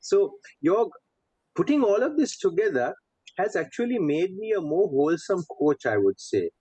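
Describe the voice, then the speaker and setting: Very animated and high-pitched, a middle-aged Sri Lankan-accented man from Sri Lanka and Saudi Arabia speaks conversationally about his own life as a podcast guest and coach. His tone is warm and husky at normal speed, with dull, lo-fi, dry audio and no room sound.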